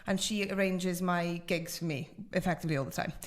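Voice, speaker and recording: A woman's voice: lowish voice, fairly even intonation, a little fast. Chatty Welsh Valleys woman hosting. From South Wales Valleys. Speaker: podcast host. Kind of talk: casual chat.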